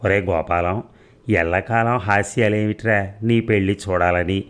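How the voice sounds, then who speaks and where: Man reading as a fussy old granny, nagging and scolding, low voice. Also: fairly even intonation, unhurried, clean tone, lightly acted. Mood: cross. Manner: coaxing then scolding.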